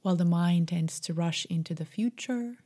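A woman guiding a meditation in a soft, breathy, half-whispered voice, gentle, soothing and unhurried. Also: fairly low pitch. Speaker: meditation guide. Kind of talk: slow guided meditation.

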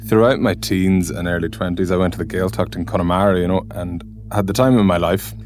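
A deep-voiced man with an Irish accent recounts a personal experience. His telling is conversational and colloquial, and faint music plays behind him. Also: steady tone, fairly quick, darkish tone. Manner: colloquial, peppered with "like, you know". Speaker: guest narrator. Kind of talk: personal storytelling, conversational narration.

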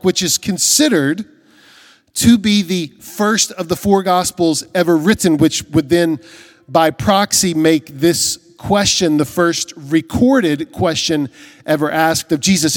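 A man's voice: sits high, long reverb tail. A man preaching a sermon as a pastor, earnest and emphatic, with rhetorical questions.

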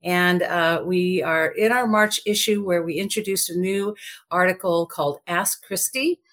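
A woman co-hosting a podcast in casual chat, chatty and upbeat, with her morning voice lower than usual. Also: fairly even intonation, unhurried, a bit bright. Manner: chatty and upbeat, lots of fillers. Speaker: podcast co-host.

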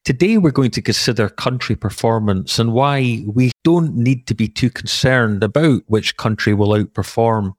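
A man hosting a podcast, reading scripted material in a measured, formal, explanatory way. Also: mid-range voice, dry recording, clean studio sound. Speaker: podcast host. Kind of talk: scripted narration.

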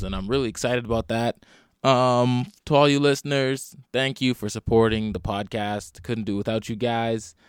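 A man hosts a loose comedy podcast with a split, swollen lip, tired and hungover. His voice is clean and smooth, recorded close and dry. He rambles casually, swearing freely and poking fun at himself. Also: mid-range voice, a bit bright, dry recording. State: swollen, bruised upper lip. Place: at home in a basement.

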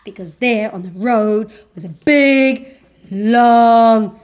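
A woman telling a children's story in an animated, chatty way, sometimes singing a chorus. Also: a little high, slow, slight background noise. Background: guitar music.

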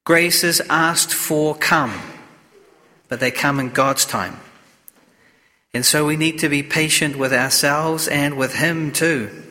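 Priest guy giving a slow solemn sermon, bright forceful voice, big cathedral echo. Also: a little high. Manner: solemn, deliberate, measured phrasing. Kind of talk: sermon and scripture reading at Mass. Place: inside a church. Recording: long cathedral-like echo of a church.

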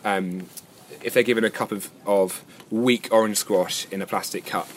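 A man's voice: lowish voice, fairly even intonation, normal speed, a little hiss or hum. A man giving thoughtful interview answers in a conversational way, feeling out his phrasing as he goes. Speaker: interviewee, event organiser.

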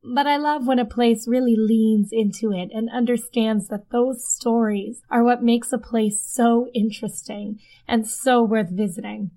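A woman's voice: a little high, fairly even intonation, measured pace, few pauses, warm tone. A woman hosting a podcast, telling stories in a chatty way that circles back on itself, recorded under a blanket fort in her den. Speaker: podcast host. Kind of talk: casual podcast storytelling. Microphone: desk microphone under a blanket.

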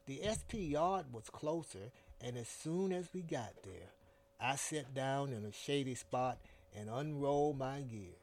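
A man narrating a first-person story in a slow, deliberate storytelling manner. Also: medium pitch, animated.

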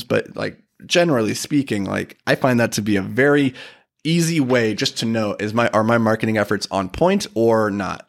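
A man's voice: medium pitch, gravelly. A man hosting his own business podcast, talking casually in a rambling, ranty way with plenty of fillers. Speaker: podcast host. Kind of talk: solo podcast monologue.

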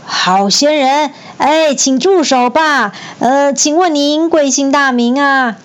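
A woman's voice: high voice, slow pace, pitched above the performer's own voice. Woman doing stammering, frightened king of hell. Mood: fearful. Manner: stammering, fearful, overly polite. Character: timid trembling male king of hell.

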